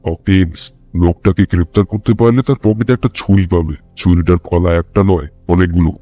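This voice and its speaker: A man voicing a sharp, restless middle-aged male detective who questions and lectures in a measured way, in a storybook audio drama. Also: sits low, steady tone, pitched below the performer's own voice. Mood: probing.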